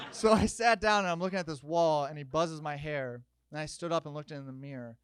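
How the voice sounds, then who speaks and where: Stand-up comic, young man, slightly high voice, energetic storyteller with sudden loud outbursts. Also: normal speed, a little hiss or hum. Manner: animated storytelling, jumping to loud shouted bits. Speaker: stand-up comedian. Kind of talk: stand-up comedy set. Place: comedy stage with audience.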